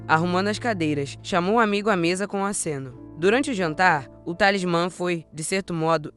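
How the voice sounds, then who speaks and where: A man narrating a supernatural short story, reading every character in one steady voice with only small shifts for each part. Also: high-pitched. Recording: soft background music.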